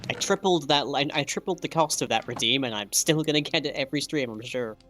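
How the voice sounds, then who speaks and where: A man's voice: medium pitch, fairly quick, sharp tone, faint music behind. Teasing streamer man who laughs a lot. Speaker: streamer and server admin. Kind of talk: casual game chat.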